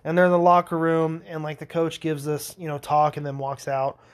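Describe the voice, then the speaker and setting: A man's voice: fairly high pitch, steady tone, normal speed. A young man hosting a podcast, telling rambling stories in a casual monologue, swearing a lot and laughing as he goes. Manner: rambling, profane, laughing storyteller. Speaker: podcast host.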